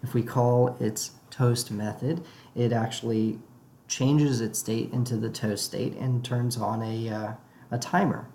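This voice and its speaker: A man talks through a programming lesson, pausing often on "uh" as he works out his explanations. The audio is low quality, captured without proper recording gear in a roomy, echoey space. A faint hiss of background noise sits under his medium-pitched voice. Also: steady tone, warm tone. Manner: halting, with many "uh" fillers while explaining. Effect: low-quality recording made away from his usual equipment. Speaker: programming tutor. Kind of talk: casual spoken lecture over diagrams.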